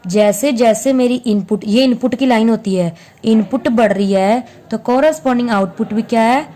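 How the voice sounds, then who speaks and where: Her voice is warm and fairly high, moving at a moderate pace as she walks through graphs in a maths lesson. Patient and repetitive, she poses questions and answers them herself, blending Hindi with English mathematical vocabulary.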